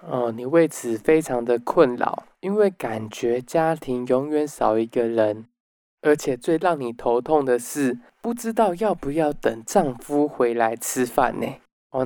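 A man hosting a book summary talk, explaining step by step and dropping in soft "oh" particles. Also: medium pitch, clear, resonant tone, no room sound, studio quality. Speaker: podcast host.

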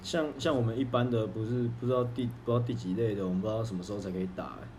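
A man's voice: fairly low pitch, steady tone, a little mellow, a little hiss or hum. A man with a Taiwanese accent co-hosting a casual chat in a blunt, teasing way. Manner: blunt, teasing, repeats words quickly. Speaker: podcast co-host.

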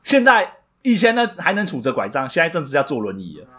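A man's voice: on the high side, wildly swooping pitch, fast talker, a bit bright. A man with a Taiwanese Mandarin accent co-hosting a podcast, telling a story animatedly and jokingly, stumbling over restarts. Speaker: podcast co-host. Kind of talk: casual comedic chat.

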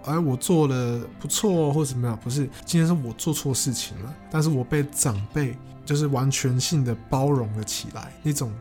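A man's voice: medium pitch, a little mellow. A young man tells a personal story in an earnest, stammering way, often repeating words. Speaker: vlogger.

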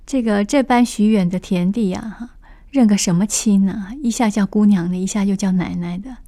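A woman's voice: medium pitch, normal speed, warm tone. A woman storyteller retelling a classic novel on radio, chatty, stopping to explain words with asides.

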